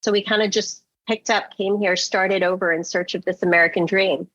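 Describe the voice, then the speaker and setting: A woman's voice: medium pitch, steady tone, fairly quick, fairly bright tone, no echo, highs cut off. A woman in her forties from England, a marketing executive who talks through her past candidly and reflectively as an interview guest.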